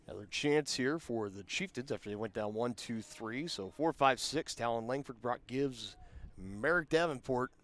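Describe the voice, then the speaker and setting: A man doing play-by-play commentary for a high school baseball game, conversational and explaining rules at length. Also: normal speed, fairly bright tone, slight background noise. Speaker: play-by-play announcer. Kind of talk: sports commentary.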